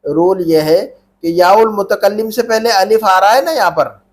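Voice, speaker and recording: High-voiced man drilling Arabic grammar. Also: moderate pace. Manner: patient, repeats questions and prompts students to answer back. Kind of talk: classroom grammar lesson with call-and-response drilling.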